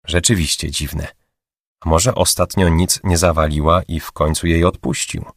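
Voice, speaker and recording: A calm, shrewd woman detective, as a male narrator voices her, asks probing questions in a low voice. The audiobook sound is dry and close. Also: moderate pace, no room sound.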